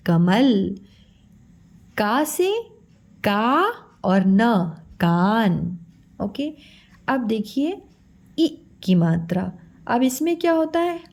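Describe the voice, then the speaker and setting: A woman teaching young children to read, stretching syllables slowly and calling the listener "beta". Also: on the high side, darkish tone. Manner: slow, drawn-out syllables for children. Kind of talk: children's Hindi lesson.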